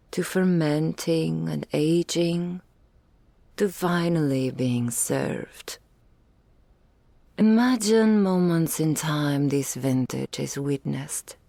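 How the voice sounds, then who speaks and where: In an ASMR roleplay, a woman voices a doting, regal female dragon in human form, speaking intimately to the listener in ornate, archaic phrases. Her voice sits low and is gravelly and mellow, exaggerated, with no echo, and the mood is fond and wistful.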